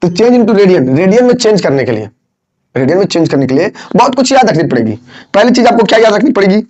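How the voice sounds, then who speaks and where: A man's voice: high-pitched, sing-song, fast, a little mellow. A man teaching physics, teasing and scolding his students and repeating phrases over and over. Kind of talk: classroom lesson. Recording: dull lo-fi sound.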